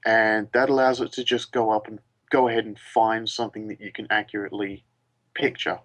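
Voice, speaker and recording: A man's voice: fairly low pitch, flat delivery, fairly quick, fairly bright tone, low-quality recording. A man playing a tabletop game over voice chat, matter-of-fact as he explains rules. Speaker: player.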